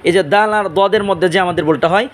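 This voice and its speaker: A man teaching Arabic pronunciation, drawing out each letter sound slowly and explaining where the tongue and teeth go. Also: high-pitched, steady tone. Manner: slow, drawn-out drill of letter sounds; explains mouth positions step by step. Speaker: Quran recitation teacher.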